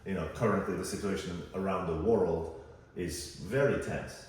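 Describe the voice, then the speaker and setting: A man with a low, darkish voice co-hosts a podcast at normal speed, rambling reflectively through casual chat full of fillers. He sounds far from the mic in an echoey room, with faint background noise.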